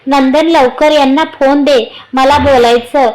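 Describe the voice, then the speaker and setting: A woman's voice: high voice, fairly even intonation, measured pace, darkish tone. A woman voicing a frightened, pleading young wife. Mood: urgent. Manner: urgent, pleading.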